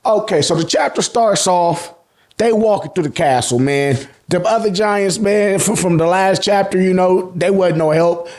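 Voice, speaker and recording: This American man's high-pitched, somewhat mellow voice moves at a normal speed as he hosts a YouTube manga recap. Slangy and colloquial, he narrates the plot and plays out the characters' reactions.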